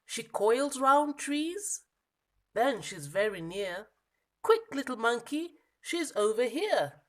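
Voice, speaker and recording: A woman's voice: fairly high pitch, big pitch swings, slow pace. A woman voicing an eager, confident but muddled butterfly from a children's storybook, coaxing and encouraging with emphasis. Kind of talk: children's storybook character reading.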